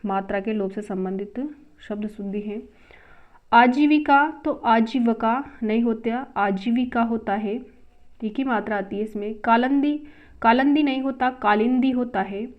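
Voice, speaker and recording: A woman teaching a grammar lesson with a fairly high voice. She drills one word after another in a brisk, repetitive manner and calls out each new word louder. The recording sounds dull and lo-fi. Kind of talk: exam-prep grammar lesson.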